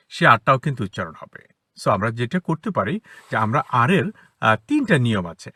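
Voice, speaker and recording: A man with a Bengali accent, a native Bengali speaker, teaching a spoken English lesson for children from inside a parked car, explaining step by step and repeating example words slowly. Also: mid-range voice, pushed and bright, dry recording, clean studio sound. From Bangladesh. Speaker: English teacher, academy founder.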